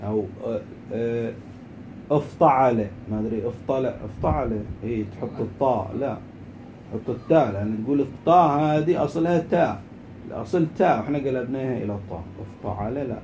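A man giving an informal grammar lesson, stretching out key words slowly and then rushing through quick asides. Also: mid-range voice, darkish tone, a little hiss or hum. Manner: slow and emphatic on rule words, quick asides. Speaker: Arabic grammar teacher.

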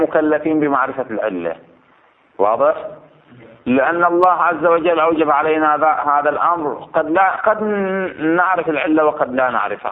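Guy teaching a seminary class, keeps asking if students follow, sounds thin like over a phone. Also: mid-range voice. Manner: checks on students with quick questions, repeats points. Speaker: religious law teacher. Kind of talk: seminary lesson explaining a text. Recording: tinny phone-like recording.

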